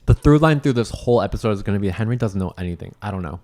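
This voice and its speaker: A man co-hosts a casual podcast with dry, self-deprecating humor. His voice sits very low. He teases his co-host in a relaxed, conversational way. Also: very fast.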